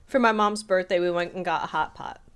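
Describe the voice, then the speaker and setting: This podcast co-host speaks briskly in a lowish, clean, slightly bright voice. She tells stories in a casual, conversational way, chatting through anecdotes and voicing other people's quotes.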